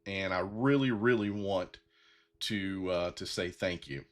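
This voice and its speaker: A man's voice: deep voice, unhurried. A man in his fifties hosting his own show, talking sincerely and rambling with many fillers and restarts. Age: 50s. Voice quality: bald-headed. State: getting emotional. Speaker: podcast host. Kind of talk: heartfelt solo talk.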